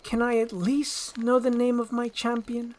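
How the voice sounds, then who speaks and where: Woman acting Princess Fiona, high and theatrical. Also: completely flat delivery, measured pace, darkish tone, close to an everyday voice. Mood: insistent. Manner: theatrical, archaic formal speech. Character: young, romantic, demanding fairy-tale princess.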